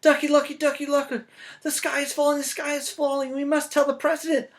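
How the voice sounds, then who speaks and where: A man's voice: monotone, quick pace. A man voicing a silly, panicked little storybook chicken, crying out urgently and repeating itself. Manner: shrill, urgent repeated cries.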